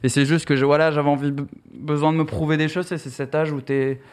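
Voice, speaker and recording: A man's voice: a little high, level tone, fast talker. A young man, a singer, telling stories in a casual chat with a self-mocking, chatty manner. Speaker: guest singer.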